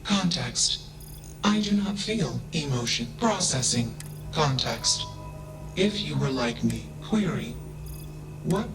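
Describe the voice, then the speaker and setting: An actor playing an emotionless male artificial intelligence in a video game, speaking in a flat, machine-like way with clipped one-word status reports. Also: mid-range voice, slow, long pauses, music in the background.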